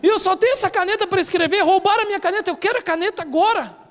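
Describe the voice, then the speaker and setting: A whiny, dramatic young schoolgirl, as a male preacher puts her on, pitched very high and insisting over and over on what she wants. The voice rings through a reverberant church hall with a long echo tail. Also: racing. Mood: insistent. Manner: whiny, demanding. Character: insistent young female student, fussy and dramatic.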